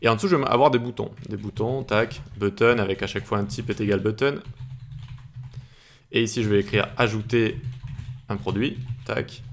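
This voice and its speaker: A man's voice: fairly low pitch, fairly even intonation, moderate pace, slight background noise. A man teaching web development in a screencast tutorial, informal, with many fillers and restarts.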